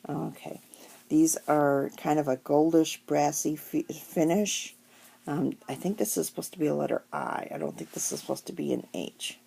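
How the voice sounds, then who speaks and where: This middle-aged woman, a crafting vlogger, has a deep, warm voice with vocal fry. She chats casually and rambles with plenty of ums through a crafting haul despite having the hiccups, and her noisy home recording carries crinkling, rustling paper.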